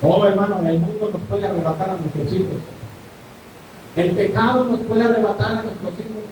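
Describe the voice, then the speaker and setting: A man's voice: fairly even intonation, moderate pace. A male pastor, preaching a sermon and often asking the congregation if they follow. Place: church hall. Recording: echoey room, distant mic, faint rumble.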